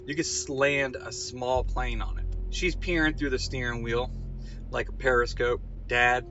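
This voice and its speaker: A man's voice: medium pitch, steady tone, moderate pace, lo-fi sound, background noise. A man telling a comic monologue about being a father, with dry, wry asides and punchlines.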